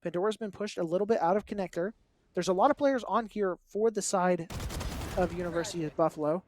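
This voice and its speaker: Young male esports caster, high-pitched, rapid play-by-play with jokes. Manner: fast excitable play-calling, joking asides. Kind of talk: play-by-play commentary.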